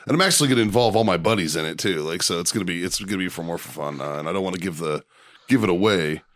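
A man's voice: sits low, expressive, very fast, fairly bright tone, dry recording, clean studio sound. A man in his forties, a podcast host talking casually and bluntly, swearing often. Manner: profane, blunt. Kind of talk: casual chat.

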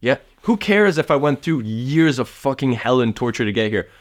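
A man's voice: medium pitch, expressive, moderate pace. A young man in his late teens from the south of Russia, giving casual motivational advice to camera, rambling and swearing often. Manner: rambling, swears often, heavy use of fillers. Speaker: vlogger giving life advice.

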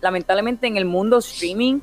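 A woman's voice: mid-range voice, brisk, faint music behind. A young woman from Puerto Rico with a Puerto Rican accent, a streamer chatting casually as an interview guest, laughing often and mixing in English words. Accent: Puerto Rican Spanish.

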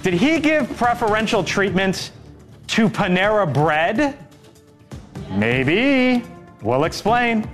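A news host with a high male voice runs a panel, cutting in firmly and hurriedly to keep order. Faint music sits under him. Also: sing-song. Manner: cuts in often, firm and hurried. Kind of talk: moderating a heated panel debate.

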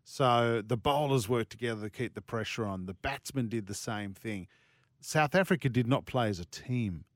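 A man's voice: mid-range voice, normal speed, dry recording, clean studio sound. An Australian man hosting casual sports radio, emphatic and given to repeating himself. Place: dry radio studio.

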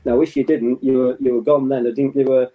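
An older man from England, a former footballer being interviewed, reminiscing in a halting way with many restarts and chuckles. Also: medium pitch, flat delivery, dark tone, rough recording.

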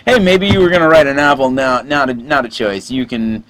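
A man co-hosting a casual chat show, joking and animated, with plenty of fillers. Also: mid-range voice, brisk, background noise. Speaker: podcast co-host.

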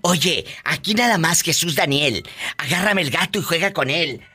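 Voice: mid-range voice, expressive, normal speed, noisy background. A radio host doing live call-in banter, teasing callers with flamboyant exclamations.

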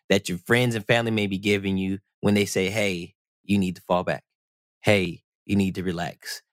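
A man's voice: lowish voice, no echo, clean studio sound. A man co-hosting a podcast as a life coach, talking earnestly and acting out quoted voices. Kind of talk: casual chat.

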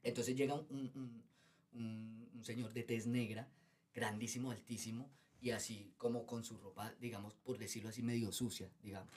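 A man, a subway musician telling stories in a casual chat, animated but often sinking to a low murmur. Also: normal speed.

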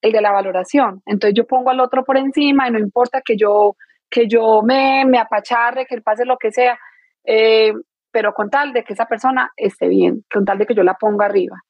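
A woman's voice: a little high, normal speed, no echo, dull audio. A woman, a guest explaining emotional wounds through everyday examples, often restarting her sentences. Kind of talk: explanatory interview talk.

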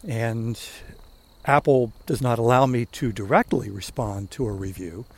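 Older man, mid-pitched, relaxed and rambling, hosting a podcast on a walk. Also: measured pace. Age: 60s. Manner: chatty, rambling storyteller. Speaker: podcast host. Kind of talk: casual talk while walking. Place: outdoors on a walk.

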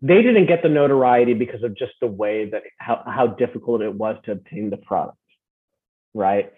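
A man's voice: lowish voice, normal speed. Man on a tinny phone line. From Philippines and United States. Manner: rambling, tag questions like "right?". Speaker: podcast guest, fan club founder. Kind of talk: casual interview chat.

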